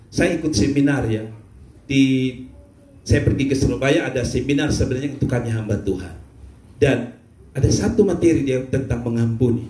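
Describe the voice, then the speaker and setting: A man preaching a sermon as a pastor, telling stories with humor and bursts of shouting. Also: mid-range voice, reverberant. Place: church.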